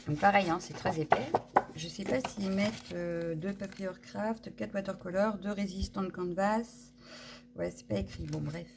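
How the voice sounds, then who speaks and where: A woman's voice: mid-range voice, moderate pace, gravelly, background noise. A woman chatting casually through a craft haul, hesitant and full of fillers. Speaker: craft vlogger.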